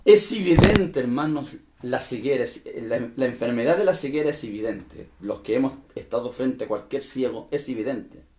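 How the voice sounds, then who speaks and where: A man preaching a sermon as pastor, swinging between emphatic bursts and quieter asides and often turning to question his listeners directly. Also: mid-range voice, lively intonation, normal speed, few pauses, slight background noise.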